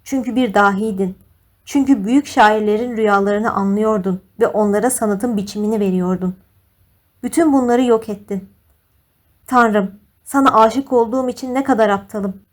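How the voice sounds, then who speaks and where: A woman's voice: mid-range voice, normal speed, close to an everyday voice. A woman voicing a cold, cruel young man who speaks harshly and with contempt. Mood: contemptuous.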